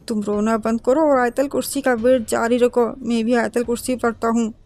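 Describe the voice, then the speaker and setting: A woman voicing a calm father in a horror story, speaking in a firm, reassuring way. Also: a little high, natural voice. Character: calm, steady father comforting his family.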